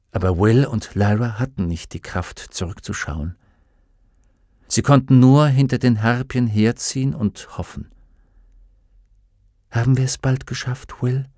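A man with a low voice narrates an audiobook. He reads calmly and steadily, and the recording is dry and close with no room sound. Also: dry recording. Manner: calm, measured storytelling. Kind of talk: scripted narration.

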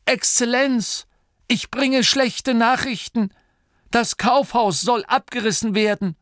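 A man's voice: high-pitched, big pitch swings, measured pace, gravelly, a bit bright, slightly rough, dry recording, studio quality, pitched above the performer's own voice, heavily acted. A man voicing an earnest male gnome inventor who speaks in a raised, formal and insistent way in a storybook reading. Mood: stiffly insistent.

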